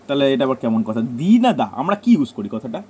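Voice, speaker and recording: A man's voice: medium pitch, expressive, quick pace, mellow, a little hiss or hum. A man with a Bengali accent teaching a grammar lesson, repeating his points and telling students to write them down.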